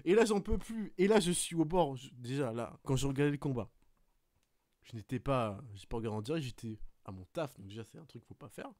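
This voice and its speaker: A man hosting a podcast, swearing often as he retells a wrestling match in an animated play-by-play. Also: medium pitch, fairly quick, no room sound, clean studio sound. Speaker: podcast host. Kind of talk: casual podcast chat, excited match recap.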